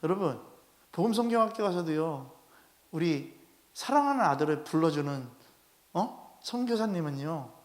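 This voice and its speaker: High-voiced male pastor preaching animatedly. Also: moderate pace, pauses often. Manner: animated, constantly addressing the congregation with rhetorical questions. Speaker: head pastor. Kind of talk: Sunday sermon. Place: church sanctuary.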